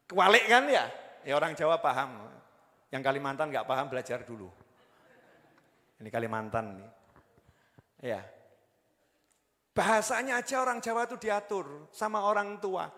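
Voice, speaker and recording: A preacher with a Javanese accent delivers a sermon in a high, bright voice that rings through a hall with long reverb. He swings from loud exhortation to low, joking asides.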